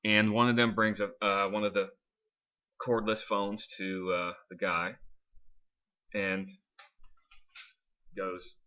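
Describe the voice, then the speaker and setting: A man narrates a tabletop role-playing session as game master, his tone bright and forceful over a lowish voice. He improvises as he goes, halting and restarting. The recording sounds dull and lo-fi. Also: level tone.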